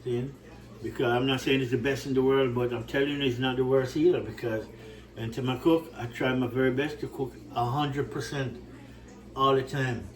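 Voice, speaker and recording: A Jamaican man chats casually to his cooking channel viewers from his home kitchen, warm, repetitive and rambling, often asking "right?". His medium-pitched voice is steady and moderately paced, but he's far from the mic and the audio is poor.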